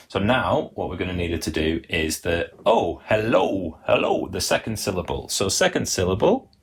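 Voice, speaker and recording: A man's voice: low voice, vocal fry, slightly rough. A man hosting a live animation workshop, chatty and explaining step by step while reading out viewer comments. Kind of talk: live-stream teaching demo.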